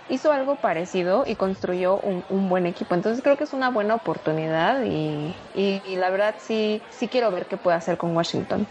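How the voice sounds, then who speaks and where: A woman's voice: medium pitch, a little mellow, lo-fi sound, a little hiss or hum. A woman with a Mexican accent giving casual commentary as co-host of a sports podcast.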